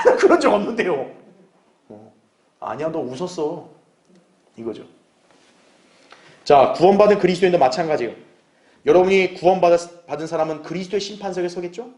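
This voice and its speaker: A man's voice: on the high side, reverberant. A male pastor giving a conversational sermon, asking the congregation questions and acting out short dialogues. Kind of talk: sermon, Bible exposition.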